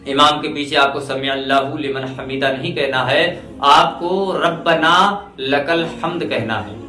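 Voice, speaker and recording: Guy teaching prayer slow and careful, bright voice, echoey room. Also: fairly high pitch. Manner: slow, deliberate explanation with recited Arabic phrases. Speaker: Islamic teacher. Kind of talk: religious instruction. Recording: echoey room with faint music.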